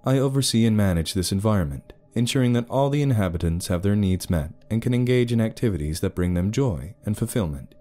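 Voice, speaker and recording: A composed artificial intelligence, spoken by a man, explains things in a low, measured voice. The tone is dark and relaxed, with lively shifts of intonation. Faint music hums in the background. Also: natural voice. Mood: calm. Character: calm male artificial intelligence overseeing a world.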